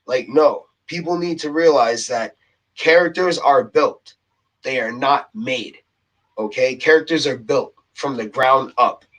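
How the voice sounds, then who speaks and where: Poor audio captures a vlogger whose mid-range, fairly bright voice moves unhurriedly. Ranting to camera alone, he's heated and exasperated, slightly out of breath, repeating himself and tagging his points with "okay?".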